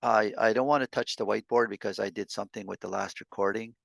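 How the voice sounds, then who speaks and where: A man teaching an online language lesson over a video call, sounding out syllables slowly with many halting restarts. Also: on the low side, steady tone, creaky, dry recording.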